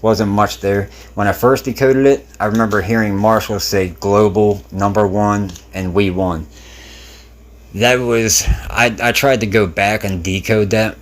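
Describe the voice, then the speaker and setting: A man's voice: lowish voice, fairly even intonation, measured pace. A man hosting a video, giving casual commentary in an informal, rambling, speculative way. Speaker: video host.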